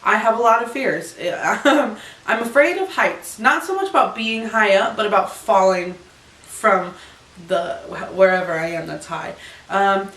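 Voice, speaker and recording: Young woman vlogger, giggly and rambling, mid-pitched, recorded roomy and off-mic. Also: expressive, a little slow, fairly bright tone. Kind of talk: casual chat. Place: bedroom. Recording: echoey room, camera far off.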